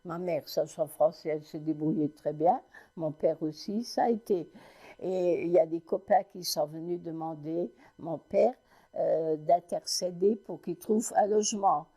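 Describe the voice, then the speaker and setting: An elderly woman in her nineties, from Lorraine in France, recounts her family's past for an interviewer. Her voice sits a little low with a dark, mellow tone. She tells it haltingly, backtracking and restarting often. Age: 90s. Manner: halting storytelling with many restarts. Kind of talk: oral history recollection.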